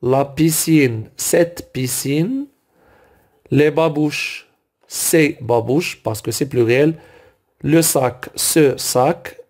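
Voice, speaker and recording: Slow, patient male French teacher. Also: on the high side, darkish tone. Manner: patient, repeats each word aloud, corrects own slips. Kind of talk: slow explanatory grammar lesson.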